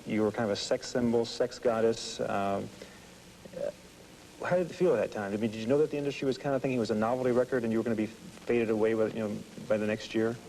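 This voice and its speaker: Fast-talking man asking interview questions. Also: medium pitch, darkish tone, a little hiss or hum, poor audio. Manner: halting, rephrases questions as he goes.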